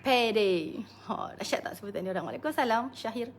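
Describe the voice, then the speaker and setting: A woman's voice: a little high, lively intonation, fast. A Malaysian woman business coach chatting casually on a live stream, greeting viewers by name and laughing often.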